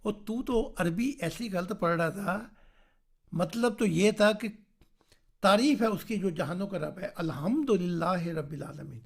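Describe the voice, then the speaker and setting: A man's voice: high voice, animated, vocal fry, breathy edge, exaggerated voice. Stern old Sufi master chiding a pupil with incredulous questions, a male preacher puts him on; video-call audio.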